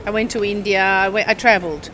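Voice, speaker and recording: Woman, 60s, Australian accent, bright and chatty, rambling storyteller. Lapel mic, outdoor square, faint traffic. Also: medium pitch, steady tone, fast talker, a faint crowd, poor audio. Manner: rambling, self-correcting, checks in with the listener. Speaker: university English teacher. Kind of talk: casual interview, long storytelling answers. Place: outdoor cafe table on a town square.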